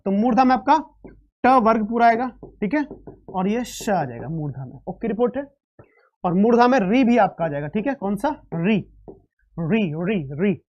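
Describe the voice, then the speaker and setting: A woman's voice: medium pitch, darkish tone. A woman teaching a live online Hindi exam-prep class, drilling sounds aloud and calling students "beta".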